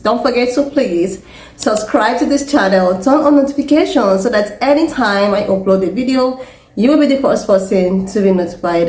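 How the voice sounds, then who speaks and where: A woman's voice: medium pitch, darkish tone. A woman hosting a commentary channel, reading an intro that calls her viewers lovelies in a sweet tone. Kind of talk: scripted video commentary.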